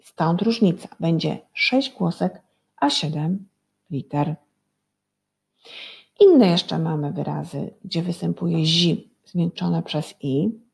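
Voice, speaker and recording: A woman's voice: on the low side, slow pace, gravelly, a little mellow. A woman teacher giving a recorded lesson for young children, patiently spelling words out sound by sound and asking the class to repeat after her. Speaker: primary school teacher.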